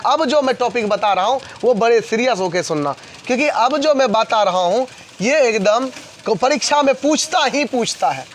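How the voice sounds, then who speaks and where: A man leads a classroom physics lesson at a quick clip. He repeats each point and keeps throwing questions at his students to answer in chorus. Faint traffic sounds carry in from outside. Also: very high-pitched. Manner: fast, repetitive call-and-response questioning. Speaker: coaching class teacher.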